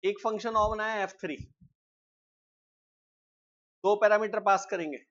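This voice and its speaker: A man teaching a live programming class, explaining step by step and often asking students quick check questions. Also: sits high, fairly bright tone, highs cut off. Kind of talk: live classroom coding lecture.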